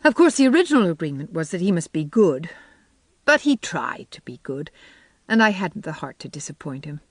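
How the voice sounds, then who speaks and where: A reader putting on a dreamy, imaginative young woman who gushes eagerly, her voice lifting higher than the narration. The recording is dry and close. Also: very animated, a little fast, no room sound. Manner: wistful and gushing, rising in pitch. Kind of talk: audiobook character voice.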